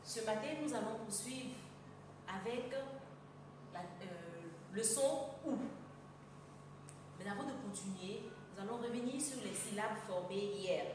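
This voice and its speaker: A woman's voice: medium pitch, a little slow, long pauses, noisy background. A woman teaching a reading lesson to young children, sounding out words syllable by syllable with patience. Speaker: kindergarten teacher. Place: classroom at a board. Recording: echoey room mic from far off.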